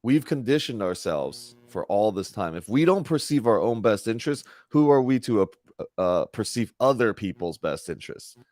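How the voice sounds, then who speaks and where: A man's voice: fairly low pitch, big pitch swings, moderate pace, a little mellow, no echo. Chatty man in his thirties hosting. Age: 30s. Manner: earnest, chatty, with frequent self-corrections. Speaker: spiritual group host. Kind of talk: casual spiritual talk. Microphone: video call.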